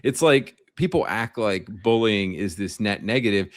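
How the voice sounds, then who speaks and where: Low-voiced man, blunt podcast talk. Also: animated, no room sound, clean studio sound. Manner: blunt, opinionated, quick agreements. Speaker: podcast co-host. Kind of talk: casual podcast chat.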